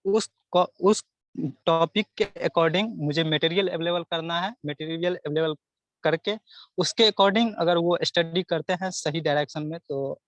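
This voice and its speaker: A man's voice: a little high, a little slow, no echo. A young man, giving earnest advice as a student guest in an interview, often repeating himself as he lists topics. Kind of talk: casual interview answers.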